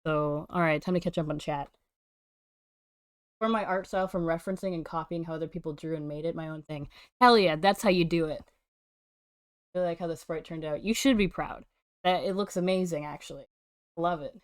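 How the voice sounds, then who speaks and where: A woman's voice: low-pitched, a little fast, pauses often, clean tone, dry recording, clean studio sound. A young woman streaming from her room, chatting casually with viewers and swearing a lot while she draws. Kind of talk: casual live-stream chat while drawing. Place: home room. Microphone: desk microphone.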